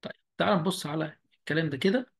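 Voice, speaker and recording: Egyptian man slowly teaching German. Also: on the high side, creaky. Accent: Egyptian Arabic. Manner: slow, repeats each word deliberately. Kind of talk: online language lesson. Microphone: video call.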